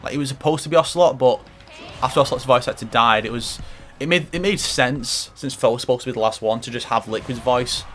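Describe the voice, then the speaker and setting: Guy rambling and cursing thru a fighting game, mid pitch, faint game music. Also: fast talker, fairly bright tone. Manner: rambling, swears often. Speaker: gaming commentator. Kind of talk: let's play commentary.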